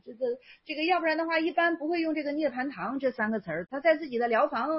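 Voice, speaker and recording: Chatty woman teacher going over zen tales, high voice, muffled lo-fi sound. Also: fast. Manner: chatty, repeats phrases, many fillers. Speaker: Buddhist teacher. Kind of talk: casual spoken lecture on Zen stories. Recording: dull lo-fi recording.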